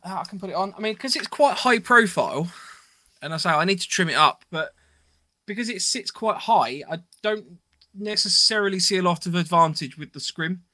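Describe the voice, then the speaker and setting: Guy on a podcast, bright voice, kinda rambly with lots of ums, dry close sound. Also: sits high, expressive, normal speed, no echo. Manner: laid-back, rambling with many ums. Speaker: podcast co-host. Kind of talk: casual chat.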